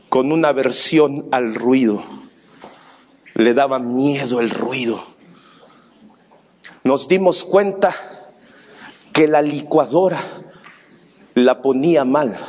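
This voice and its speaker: A middle-aged man preaching a sermon as a pastor, moving from soft storytelling to near-shouting. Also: medium pitch.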